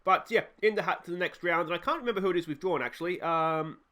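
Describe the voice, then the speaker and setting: Talking fast, this Australian man hosts a relaxed let's play of a football management game for his gaming channel. A cold leaves him a bit croaky as he chatters and gets excited over match highlights.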